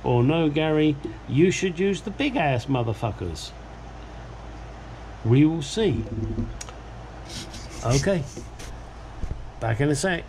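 A man's voice: medium pitch, a little mellow, low-quality recording. A middle-aged man with an English accent giving a casual hands-on demonstration, blunt, joking and sweary, in a small garage workshop. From England. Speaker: host of a garage how-to channel. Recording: clear ambient workshop noise.

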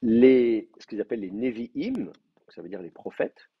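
Man lecturing, lively pitch. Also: unhurried, husky. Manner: explains step by step with many fillers and checks with students. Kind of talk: classroom lecture. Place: classroom. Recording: dull lo-fi classroom recording.

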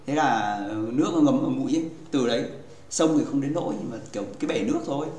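A man's voice: medium pitch, fast talker, a little mellow. A man hosting a gaming livestream in casual chat, playful and teasing with his viewers, rambling and restarting his sentences. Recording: echoey room.

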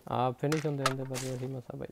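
A man's voice: mid-range voice, level tone, very fast, creaky. A man with a Punjabi accent chatting casually with his squad during a game, calling out in slangy, sweary language. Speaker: gamer playing a team shooter. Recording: noisy game audio with gunfire and engines. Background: gunfire, vehicle sounds.

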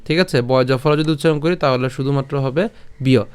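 A man teaching verse pronunciation in a patient, step-by-step way, asking and answering his own questions and chanting verse lines slowly. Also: mid-range voice, smooth. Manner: slow drawn-out chanting of verses. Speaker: Gita recitation teacher. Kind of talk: pronunciation lesson.

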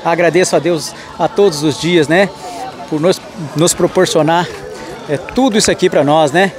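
A man's voice: fairly high pitch, normal speed, a crowd in the background. A man from Mato Grosso do Sul filming a walking tour of an outdoor street market, greeting vendors and thanking his followers. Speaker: market vlogger.

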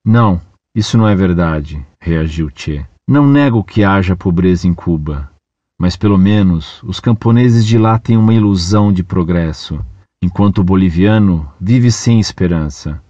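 A man reading a listener's letter aloud in a measured, deliberate way, phrases falling at the ends. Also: low voice, mellow, no echo, highs cut off.

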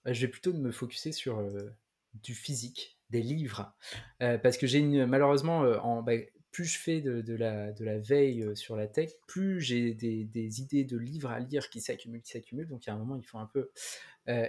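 A man's voice: mid-range voice, a little mellow. A man co-hosting a casual tech podcast chat. He hesitates often, using fillers and stopping to restart his sentences as he talks. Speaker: podcast co-host.

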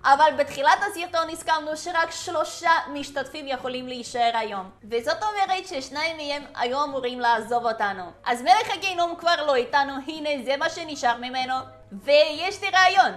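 A woman's voice: high-pitched, lively intonation, a bit bright. A young woman gaming YouTuber giving playful commentary over gameplay, teasing and scolding the characters in a chatty way.

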